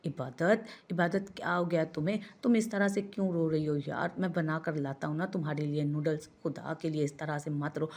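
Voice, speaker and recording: Woman narrator doing a doting young husband, low and coaxing, for an audio novel. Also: steady tone, normal speed, few pauses, a little mellow. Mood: soothing. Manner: coaxing, pleading.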